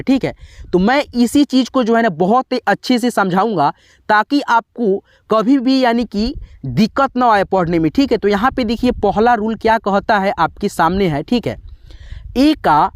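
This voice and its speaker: A man's voice: high-pitched, dry recording, clean studio sound. A man, teaching English pronunciation rules as a channel host. He often repeats himself and answers his own questions. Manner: repetitive, asks and answers his own questions, frequent "theek hai". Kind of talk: classroom explanation.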